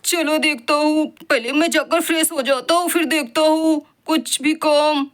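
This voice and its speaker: A lazy husband, voiced by a woman, drowsy and grumpy. The voice sits fairly high for a man. He grumbles through a homemade doll story. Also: fairly even intonation, measured pace. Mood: sleepy. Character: sleepy, lazy grown husband.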